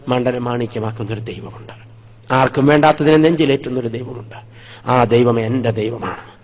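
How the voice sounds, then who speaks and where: A man's voice: mid-range voice, darkish tone. A man from Wayanad in Kerala, a priest preaching a sermon, telling his own life story dramatically and acting out the scenes.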